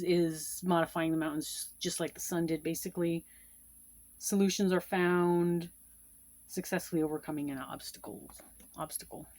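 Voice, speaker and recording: Woman, lower voice, casual card-reading teacher, repeats points, loose and chatty. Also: a little mellow. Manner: repeats key meanings, with fillers and asides. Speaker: tarot and Lenormand card reader teaching. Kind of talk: casual instructional explanation.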